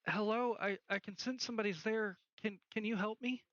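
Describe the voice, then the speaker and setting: Casting: man putting on a shy little ghost girl, stammering, bright high voice, dull lo-fi sound. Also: steady tone, fairly quick, no echo. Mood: pleading. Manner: hesitant, stammering, pleading. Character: small lost ghost girl trapped in a book.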